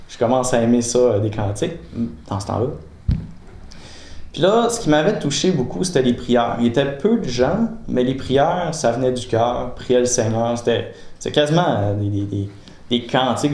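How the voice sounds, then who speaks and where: A man with a Quebec French accent telling a personal story casually, animated, often laughing and acting out conversations. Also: mid-range voice, moderate pace. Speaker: guest giving a testimony. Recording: roomy with faint ambience.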